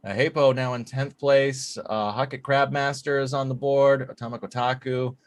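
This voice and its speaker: Speaking at a moderate pace with medium pitch and fairly even intonation, a man hosts an online trivia show. He shares the quiz answers and where everyone stands on the leaderboard, keeping things upbeat and chatty.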